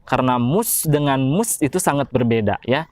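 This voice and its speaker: An Indonesian man teaching recitation rules, slowly chanting example verses between plain explanations. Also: mid-range voice, lively intonation, a little mellow, no room sound. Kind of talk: tajwid lesson with slow recited examples.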